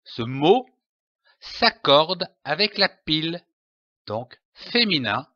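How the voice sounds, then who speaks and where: Very slow, bright male teacher voice. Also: on the high side, very animated, dry recording. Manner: spells out letters and syllables one by one. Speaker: French pronunciation teacher. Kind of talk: slow, deliberate pronunciation lesson. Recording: dry, dull lo-fi voice-over.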